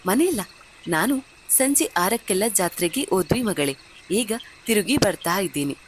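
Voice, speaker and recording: A woman's voice: mid-range voice, expressive, normal speed, a little hiss or hum, close to an everyday voice. A woman playing a cheerful village mother, Malathi. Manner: friendly, chatty.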